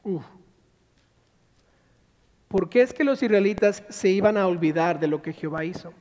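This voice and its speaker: A man's voice: high voice, lively intonation, moderate pace, a little mellow. A male pastor preaching a sermon, asking rhetorical questions and acting out quotes. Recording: long reverb of a large hall.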